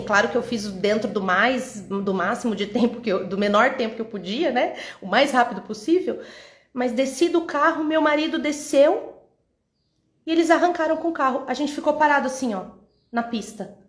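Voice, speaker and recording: Brazilian woman teaching bible stuff, acts out the voices, kinda high voice, echoey room. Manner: lively storyteller who acts out the dialogue; talks straight to a women's audience. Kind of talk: Bible teaching with personal story.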